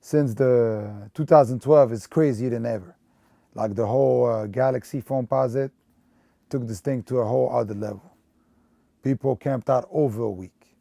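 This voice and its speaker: This is a dark, gravelly male voice at medium pitch and ordinary speed, recorded dry with clean studio sound. He's a thirtysomething sneaker store manager from Belgium, talking loosely in a documentary interview, wandering off track, restarting sentences and leaning on fillers.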